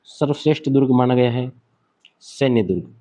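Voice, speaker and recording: A man's voice: medium pitch, normal speed, mellow. A man giving an exam-prep lecture, asking questions and answering them himself while he sketches on a board. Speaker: teacher.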